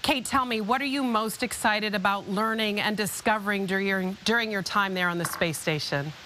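A woman's voice: mid-range voice, moderate pace, bright, forceful tone, a little hiss or hum, rough recording. A middle-aged American woman working as a morning TV anchor, interviewing live from a studio on a lapel mic. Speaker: television morning news anchor. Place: TV news studio.

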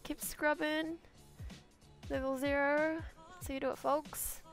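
A young woman from New with a high voice talks through a game in loose, chatty commentary. She giggles often and gets excitable, and faint game music plays behind her. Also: slow. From New Zealand. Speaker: gaming channel host. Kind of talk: casual let's-play commentary.

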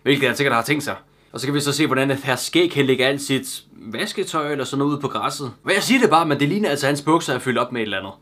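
A man's voice: mid-range voice, lively intonation, a bit bright. A man giving crude, sarcastic comic commentary while reading a children's book aloud as a YouTuber.

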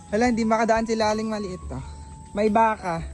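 A woman narrating a family vlog, chatty and teasing, sometimes breaking into high laughing shouts. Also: steady tone, a little fast, faint music behind. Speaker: vlogger.

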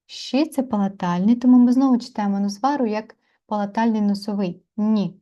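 A woman teaching Sanskrit pronunciation in an online lesson, explaining and repeating syllables slowly and carefully with pauses between them. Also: medium pitch, warm tone, dull audio.

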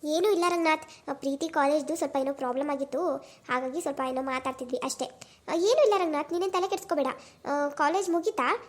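A woman's voice: high voice, quick pace, lightly acted. A woman playing a hot-tempered, protective mother who scolds her husband in an amateur village family drama. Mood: soothing. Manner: scolding, exasperated. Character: fiery protective mother, quick to anger.

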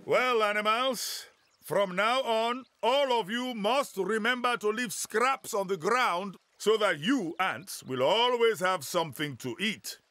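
A man voicing a stern but fair lion king in a children's cartoon, commanding and measured. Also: high-pitched, pushed and bright, heavily acted. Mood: regal. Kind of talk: cartoon voice acting.

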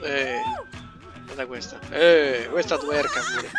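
A man's voice: fairly high pitch, slow. A man casually commenting on his gameplay, joking and talking back to the characters on screen. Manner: joking, talks to the game characters, lively exclamations. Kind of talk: casual let's play commentary. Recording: game music loud behind. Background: loud game music and vehicle sounds.

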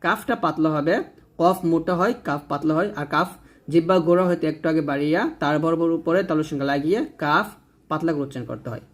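A man, teaching Quran reading slowly, drawing out each letter name and then explaining how it is said. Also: fairly high pitch. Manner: drawn-out letter names, then plain explaining. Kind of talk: slow step-by-step recitation lesson.

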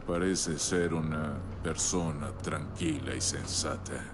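A huge, brooding warrior god for a video game. The voice is extremely deep and creaky, with a slow, gruff, needling delivery. Loud noise runs behind it. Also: male voice, steady tone, exaggerated voice. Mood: sardonic. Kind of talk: dramatic video game cutscene acting.

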